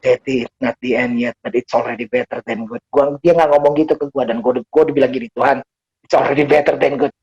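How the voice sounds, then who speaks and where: Preacher, youth sermon, casual slang with English, emphatic pitch jumps, dull lo-fi sound. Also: fairly even intonation, quick pace, hardly any pauses, mellow, breathy edge. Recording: dull lo-fi recording.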